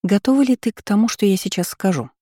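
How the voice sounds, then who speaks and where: Woman reading as an excitable young princess, high-pitched, squealing and dramatic, mellow tone. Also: no room sound, clean studio sound, close to an everyday voice. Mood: excited. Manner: exclaiming, squealing, talking fast.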